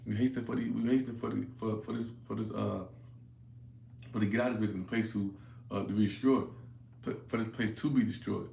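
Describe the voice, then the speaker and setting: Low gravelly man teaching scripture, echoey room. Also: fairly even intonation, a little mellow. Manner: repeats "right?" often, restarts phrases; reads verses aloud slowly. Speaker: religious teacher. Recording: echoey room with faint ambient noise.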